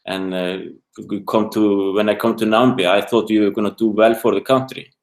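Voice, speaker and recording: A middle-aged man from Iceland with an Icelandic accent, an interview guest talking haltingly in English, his second language, searching for words. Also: on the low side, flat delivery. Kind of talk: casual interview talk. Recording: roomy echo.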